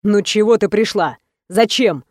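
A woman reading an audiobook and voicing an angry, jealous young man who speaks in curt, gruff, scornful bursts. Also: mid-range voice, a little slow, darkish tone, dry recording, clean studio sound, lightly acted. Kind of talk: audiobook character voice.

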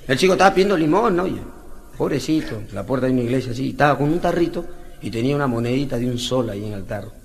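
A comedian with a Peruvian Spanish accent tells slangy jokes stand-up style, laughing at his own punchlines. His medium-pitched voice is expressive and quick, with vocal fry. The recording is noisy and lo-fi, with clicks.

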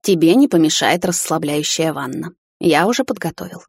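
A woman voicing a gentle, devoted male hunter husband who speaks softly and coaxingly in an audiobook. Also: deep voice, expressive, moderate pace, slightly rough, no echo, full character voice. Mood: tender, hushed. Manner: soft, hushed and coaxing.

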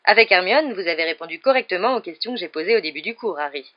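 A woman's voice: lowish voice, lively intonation, quick pace. A woman reading aloud voices a cheerful, encouraging male magic teacher who praises his class in a raised, carrying voice, on a muffled lo-fi recording. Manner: bright, praising, classroom-loud.

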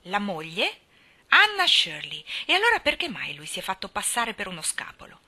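A woman's voice: mid-range voice, huge pitch swings, normal speed, bright, forceful tone, full character voice. A woman reading aloud, voicing a stern, practical older woman who speaks in a dry, impatient way.

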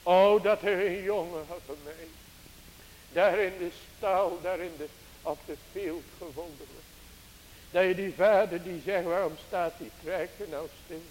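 A man preaching a sermon, slow and emphatic, drawing out his exclamations and speaking straight to the congregation. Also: high voice, fairly even intonation, a little mellow. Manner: addresses the congregation directly. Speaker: pastor. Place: church. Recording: hissy 1980s church tape with long reverb.

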